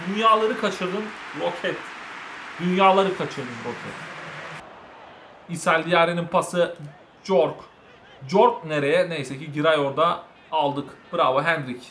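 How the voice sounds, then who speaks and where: A high-pitched young man with a Turkish accent calls his own football video game match as a lively commentary. He cheers, groans and scolds his players at every chance. A faint background noise sits under his voice. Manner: shouts in excitement, scolds the players, cheers them on. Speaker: gaming channel host.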